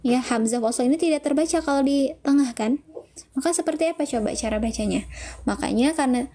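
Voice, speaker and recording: A woman's voice: high voice, fast, mellow. A woman teaching Quran recitation in an online lesson, patiently explaining step by step and reading out viewers' answers. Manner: patient, explains step by step, reads chat names aloud.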